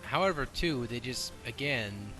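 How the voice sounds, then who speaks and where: A man hosting a relaxed podcast, talking in a blunt, opinionated way and cursing without a second thought. His voice sits at an ordinary middle pitch, and music plays clearly in the background. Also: measured pace, rough recording. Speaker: podcast host. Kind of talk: casual podcast chat.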